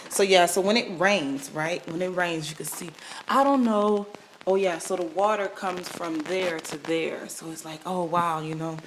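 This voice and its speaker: A woman walks through her salon building's basement with a handheld camera, talking in a chatty, exasperated way. Her voice sits fairly low. A faint hum of room noise runs under her words. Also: moderate pace. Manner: chatty, exasperated, laughs wryly. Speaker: salon owner showing her space. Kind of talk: casual walkthrough vlog.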